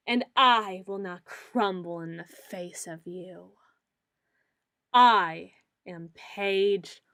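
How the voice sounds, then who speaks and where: Slow, pompous dark lord acted by a woman. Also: medium pitch, dry recording, studio quality. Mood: grandiose, proud. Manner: grandiose, archaic, theatrical phrasing with dramatic pauses. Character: pompous, socially awkward self-styled female dark lord of shadows. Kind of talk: ASMR roleplay monologue.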